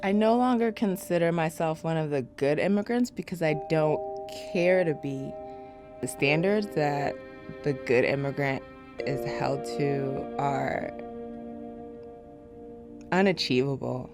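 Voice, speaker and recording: A woman from Nigeria speaking firmly and deliberately in a documentary interview. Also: sits low. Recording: clear music playing behind.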